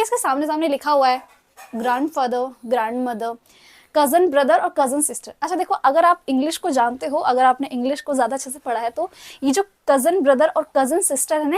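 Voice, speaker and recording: A young Indian woman with an Indian accent, teaching a casual online language lesson, chatty and mixing Hindi with English as she coaxes students to repeat words. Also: high-pitched.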